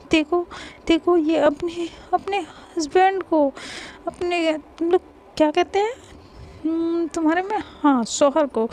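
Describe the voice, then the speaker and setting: A woman's voice: extremely high pitch, darkish tone, pitched above the performer's own voice. A woman voicing a playful, clingy young woman in love who teases, dramatizes and repeats herself when flustered.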